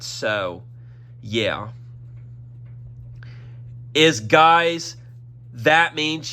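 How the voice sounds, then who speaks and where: A man's voice: fairly high pitch, sharp tone, smooth. A young man hosting his own YouTube channel, giving a rambling announcement with a congested throat, looping back on himself with "that is" and "y'all". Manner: repetitive, circles back with fillers like "that is" and "y'all". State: congested throat, occasional coughing. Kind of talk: rambling casual vlog announcement.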